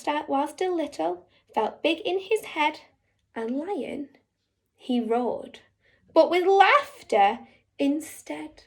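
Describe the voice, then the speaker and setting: A woman teacher reads a rhyming picture book aloud in a high, bright voice. She takes her time and lets her pitch rise and fall freely, leaning into the rhythm of the rhymes. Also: gravelly. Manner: animated, rhythmic rhyming delivery. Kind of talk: expressive picture-book reading.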